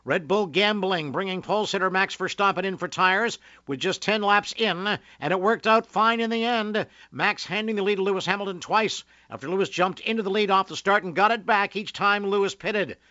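A man hosting a motorsport news radio show in a brisk announcer style. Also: high voice, bright, forceful tone, no room sound.

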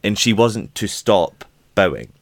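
A man's voice: fairly low pitch, measured pace, gravelly, no echo. A man chatting enthusiastically about musical theater on a podcast, acting out lines as he goes. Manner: enthusiastic, animated, acts out lines. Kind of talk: casual chat.

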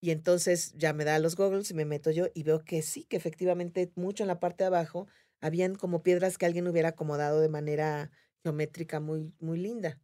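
With a Mexican Spanish accent from Mérida, Mexico, a podcast guest tells a relaxed story a little fast. Her voice sits slightly low for a woman, and she animatedly performs the voices of the characters as she goes.

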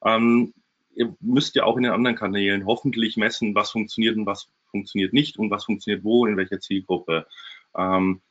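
A man's voice: on the low side, flat delivery, moderate pace, a bit bright. A man speaking as a guest presenter, giving a casual webinar from a small hotel room. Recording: dull, lo-fi webinar stream.

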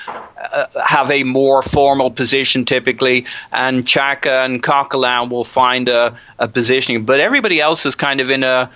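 A man's voice: medium pitch, steady tone, moderate pace, pushed and bright, no room sound, lo-fi sound. A man co-hosting a podcast, chatting loosely and jokingly about football, often restarting his sentences. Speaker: podcast co-host. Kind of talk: casual football chat.

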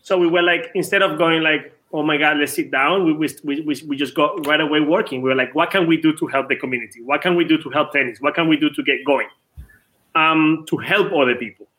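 Tennis club co-owner, male, late 30s, from Venezuela, ringing upper voice, quick with restarts. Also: a little high, sharp tone. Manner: quick, repeats words at starts. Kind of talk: casual interview.

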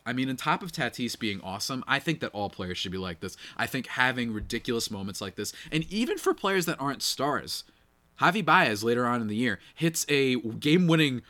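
A man hosting a casual solo sports podcast, slightly nasal and congested, talking in an animated, slangy way with chatty asides to listeners. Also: medium pitch. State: congested from a cold night.

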